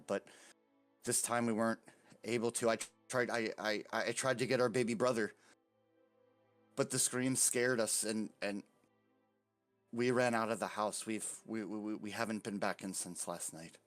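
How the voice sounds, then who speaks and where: A man's voice: on the low side, steady tone, faint music behind, natural voice. A man voicing a frightened young girl who stammers and repeats herself nervously. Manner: stammering, halting, nervous repetitions.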